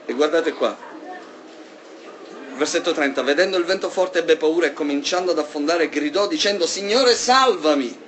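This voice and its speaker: A man preaching a sermon in an animated way, swinging between loud emphasis and soft asides. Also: fairly high pitch, moderate pace, a little hiss or hum.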